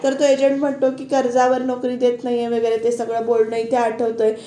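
High-pitched woman chatting through a serial recap, mellow tone, echoey room. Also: monotone, a little fast. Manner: chatty retelling that addresses viewers directly. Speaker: TV serial reviewer. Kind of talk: casual episode recap voice-over.

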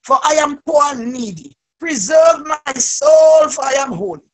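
With a high, expressive voice and an unhurried pace, a woman leads an extemporaneous church prayer, fervently repeating invocations. Her raspy pleading swells into loud cries.

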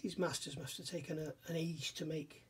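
With a slightly high, breathy-edged voice, fairly even intonation and a moderate pace, a middle-aged man muses aloud over a scale model kit at his indoor workbench. It's a casual hands-on review, admiring in tone, where he keeps questioning himself.

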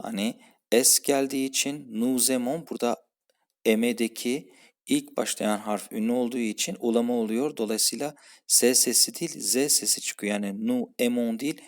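A man's voice: medium pitch, vocal fry. A man teaching French grammar, patiently saying each verb form and then its translation. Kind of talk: explaining French grammar for a Turkish-speaking class.

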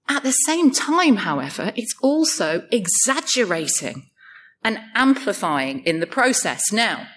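A woman's voice: medium pitch, a bit bright, a little hiss or hum. A woman giving a conference talk in a wry, light-hearted way, joking at her own expense. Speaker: conference speaker.

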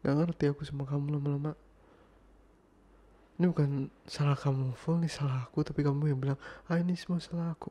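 A man's voice: on the high side, fairly even intonation, quick pace, lightly acted. A man playing an irritated young boyfriend in an ASMR role-play, arguing insistently and sometimes dropping to a whisper. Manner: exasperated, insistent, slipping into soft whispers.

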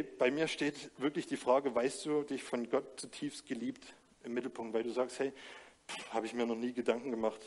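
A man preaching a sermon, speaking earnestly and directly to his listeners with many rhetorical questions. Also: mid-range voice. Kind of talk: sermon with closing prayer.

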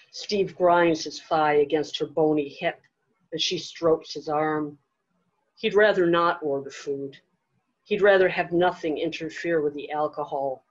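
Woman author giving an unhurried fiction reading, muffled lo-fi event recording. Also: deep voice. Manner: measured, deliberate reading. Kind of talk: literary reading aloud. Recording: dull lo-fi event audio.

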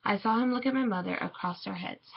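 A woman reading a children's picture book aloud in a measured, expressive way. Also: mid-range voice, creaky. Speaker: storybook reader. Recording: dull lo-fi recording.

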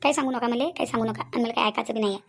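A woman's voice: fairly high pitch, rapid-fire, vocal fry, husky. A woman voicing an angry young woman with a Vidarbha Marathi accent, accusing her fiancé and repeating her questions. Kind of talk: cartoon voice acting.

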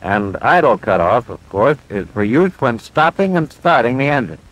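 Here a man takes on the role of an instructor pilot from a 1940s military training film, calmly and methodically explaining cockpit controls with patient confidence. His animated mid-range voice has a fairly bright tone and a moderate pace, heard through poor audio typical of a vintage soundtrack.

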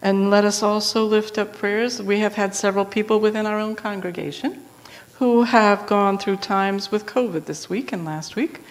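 A woman pastor leads prayers in a church sanctuary, speaking gently and without hurry. Her voice trails off into a long church reverb. She stops now and then for informal asides to the congregation. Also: medium pitch, normal speed. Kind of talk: leading prayers in a church service.

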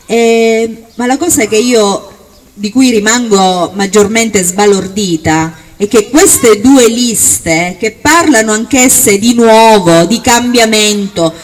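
A woman gives an emphatic, projected political speech through a microphone in a town square. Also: on the high side. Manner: emphatic oratory, projected, with deliberate listing phrases. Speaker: political candidate or activist at a rally. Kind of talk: public campaign speech. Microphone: handheld-type microphone on a stand, amplified. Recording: distant outdoor capture, faint background noise.

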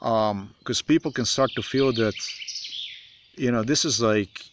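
A man in his forties from Slovenia with a Slovenian accent, speaking in a halting, repetitive, emphatic monologue to a phone camera in a forest. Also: mid-range voice, background noise. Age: 40s. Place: outdoors in a forest. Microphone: phone camera at arm's length.

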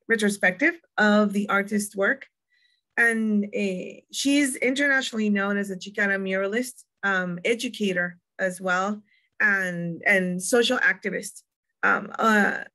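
Guiding listeners through a virtual museum, a young woman from Puerto Rico keeps things easygoing and chatty, her speech peppered with ums and quick restarts. She has a Puerto Rican Spanish accent and a bright, forward voice at an ordinary middle pitch.

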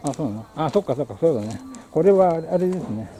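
Male travel vlogger, a bit higher voice, casual thinking-aloud narration, recorded on a camera mic outdoors with birds and traffic. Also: expressive, quick pace. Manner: muses aloud, thinking as he goes. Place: outdoors at a small rural train station. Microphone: handheld camera mic.

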